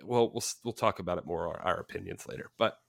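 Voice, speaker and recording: A man's voice: sits low, fast talker, creaky. A man hosting a podcast, reading reviews aloud with dramatic emphasis in a casual chat. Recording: echoey room.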